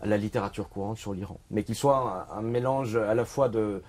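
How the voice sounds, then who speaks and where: A man's voice: on the low side, fairly quick, a little mellow. A middle-aged man from Switzerland, an author presenting his book in a bookshop, talking with many fillers and restarts. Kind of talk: bookshop talk.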